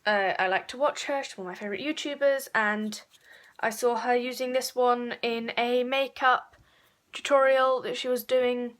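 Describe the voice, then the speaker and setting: A woman's voice: on the high side, steady tone, moderate pace, a bit bright. Chatty woman, makeup tutorial. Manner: chatty, rambling, self-correcting. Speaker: beauty vlogger.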